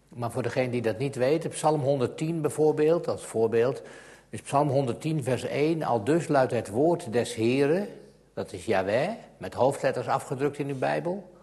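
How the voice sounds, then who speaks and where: A man preaching a sermon and reading from the Bible, growing emphatic and louder on scripture and dropping to a hush at times. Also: mid-range voice.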